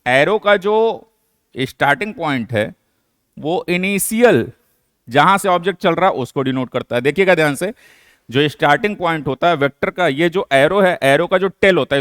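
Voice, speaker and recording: A man's voice: on the high side, fairly bright tone, no room sound, studio quality. A man teaching a physics lesson, explaining step by step and answering his own questions. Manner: mixes English terms into Hindi. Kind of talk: classroom lecture.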